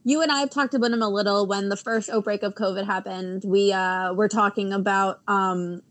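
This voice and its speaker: A woman's voice: mid-range voice, fairly even intonation, normal speed, no room sound. A woman co-hosting a podcast in casual chat, congested from a chest cold. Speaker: podcast co-host.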